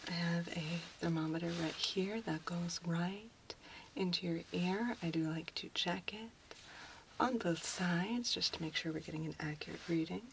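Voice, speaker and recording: A woman in an ASMR role-play as a gentle, attentive doctor, speaking softly and unhurriedly right in the listener's ear. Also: fairly low pitch, vocal fry, a little hiss or hum. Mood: soothing, attentive. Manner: close, right-in-the-ear soft-spoken, soothing and unhurried.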